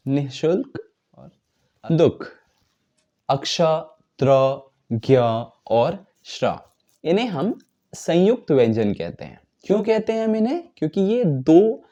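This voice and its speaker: A man's voice: fairly high pitch, warm tone, dull audio. A man teaching a basic grammar lesson, explaining carefully and reciting letters one at a time.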